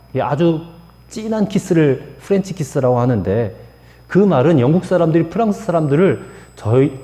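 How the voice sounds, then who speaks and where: An animated male pastor delivers a sermon in a church sanctuary, his voice a little high. He asks the congregation rhetorical questions, and the echoey hall gives the recording a long reverb.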